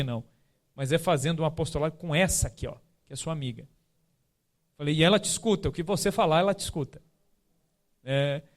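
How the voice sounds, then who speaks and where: High-voiced man telling stories in a talk. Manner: conversational, many tag questions. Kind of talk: storytelling talk to a live group.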